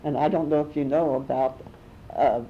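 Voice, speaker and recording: Older lady telling old family stories, low dark voice, muffled recording w/ faint rumble. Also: steady tone, normal speed. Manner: rambling, warm storytelling with restarts and small laughs. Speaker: interviewee. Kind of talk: oral history reminiscing.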